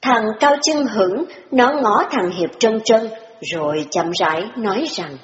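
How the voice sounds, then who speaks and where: A woman giving steady, measured scripted narration of an audiobook. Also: mid-range voice, crowd noise. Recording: dull, roomy reverberant audio with faint music.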